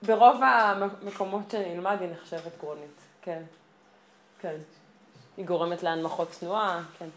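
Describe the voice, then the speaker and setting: A woman's voice: fairly low pitch, a little hiss or hum. A woman teacher giving a classroom grammar lesson, explaining patiently step by step. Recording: echoey classroom from far off.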